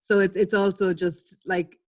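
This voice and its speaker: A woman speaks in a casual online talk, her pitch sitting in the middle. She is frank and loose, swearing freely and laughing through her stories. The sound is that of a video call. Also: level tone, a little slow, a little mellow. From Ireland. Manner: candid, swears, laughs while telling stories. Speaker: artist and publisher.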